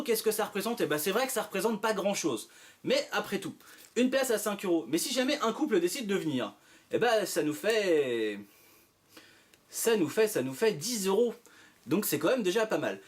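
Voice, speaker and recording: This is a Frenchman with a fairly high voice, speaking as a magician promoting his act. He talks straight to viewers in an animated, playful showman's patter, tossing out questions and answering them himself.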